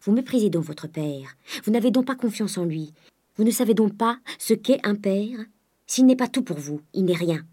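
A woman's voice: mid-range voice, lively intonation, normal speed, dark tone, husky, pitched above the performer's own voice. A woman voicing a greedy, domineering old miser who alternately coaxes and blusters at his daughter. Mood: angry. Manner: wheedling then blustering.

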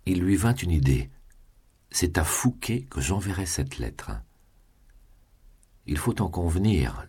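A man reading a classic novel aloud in a measured, literary way. His voice is extremely deep, with a strong husky breathiness. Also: darkish tone. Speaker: narrator. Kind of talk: audiobook narration.

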